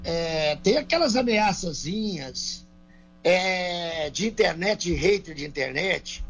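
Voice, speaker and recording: A man's voice: high-pitched, expressive, slow, fairly bright tone, soft background music. A man from Brazil, a country singer answering interview questions in a folksy, colloquial way over a remote call. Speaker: guest singer. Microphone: remote call, phone or earbuds.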